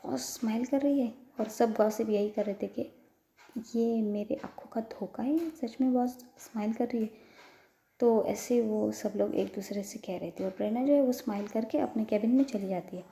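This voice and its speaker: A woman's voice: a little high, moderate pace, gravelly, warm tone. A woman telling a love story in a casual, chatty way, linking her sentences with many "so"s. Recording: echoey room.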